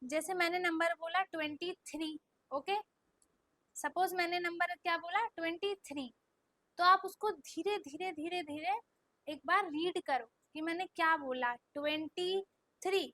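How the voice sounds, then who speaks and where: A woman teaching kindergarten children, talking close to the mic. She says numbers in Indian English, repeats them slowly and asks the class many questions. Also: extremely high pitch, sharp tone, dry recording. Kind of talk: recorded classroom lesson.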